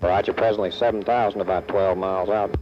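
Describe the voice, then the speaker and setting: A man's voice: low voice, fast, over loud music. A man flying a jet, talking through an oxygen mask microphone over the radio in clipped, terse radio procedure. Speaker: military jet pilot. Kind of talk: radio calls to air traffic control. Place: jet cockpit in flight. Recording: muffled cockpit radio recording with steady noise.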